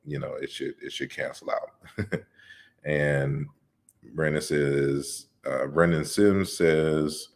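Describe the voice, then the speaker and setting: A man hosting a casual livestream Q&A, reading out viewer questions and answering them in a relaxed, lecturing way with many fillers and restarts. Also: extremely low pitch, vocal fry. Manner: explains at length in a measured, lecturing way. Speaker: host of an open discussion livestream.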